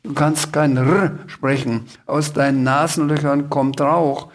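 A man's voice: on the high side, fairly even intonation, unhurried. A man voicing a cheeky, impatient, childlike creature in a brash, raised voice, for a children's story read aloud.

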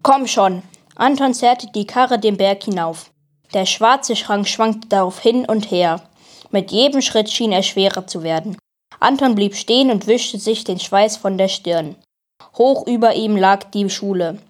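Woman, storybook reading, plain, hesitant asides, medium pitch. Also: a little slow. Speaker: reader. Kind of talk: reading a children's book aloud.

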